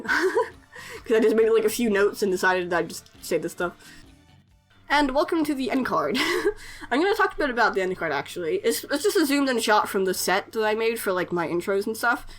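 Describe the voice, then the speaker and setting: Speaking fast and expressively in a medium-pitched voice, a young animator and artist YouTuber records a relaxed voice-over during editing, with soft music behind her. She's hesitant throughout, using many fillers and self-conscious giggles.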